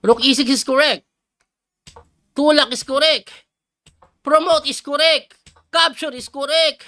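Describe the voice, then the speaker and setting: A middle-aged man from the Philippines, a chess coach giving excitable live commentary on a game and reacting loudly to each move. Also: extremely high pitch, slow pace.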